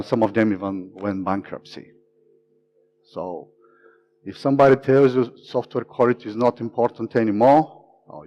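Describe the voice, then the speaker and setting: A man's voice: lowish voice, darkish tone. A man in his forties from Bulgaria with a Bulgarian accent, giving an earnest conference talk full of fillers. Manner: earnest, many fillers, stresses key words. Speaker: conference speaker. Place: conference room. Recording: dull lo-fi room recording.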